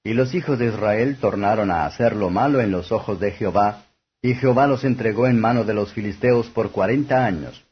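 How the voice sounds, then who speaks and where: A man reading scripture aloud as formal, scripted audiobook narration, with a husky voice. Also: fairly low pitch, a little fast. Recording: dull lo-fi audio.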